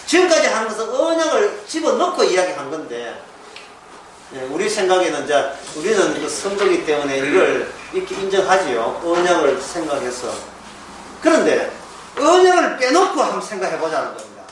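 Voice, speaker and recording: Man, pastor, lively high voice, playful lecturing, very echoey hall, mic distant. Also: fairly quick. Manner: animated, joking, repeats key words. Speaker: pastor giving a Bible lecture. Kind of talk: church Bible lecture. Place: church lecture room. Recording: echoey hall, mic far off, faint background noise.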